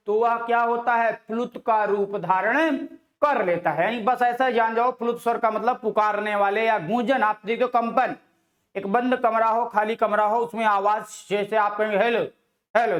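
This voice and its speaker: A man's voice: high-pitched, fairly even intonation, unhurried, a bit bright, reverberant. A male Hindi grammar teacher giving an exam-prep lesson. He asks rhetorical questions, answers them himself and draws out example syllables.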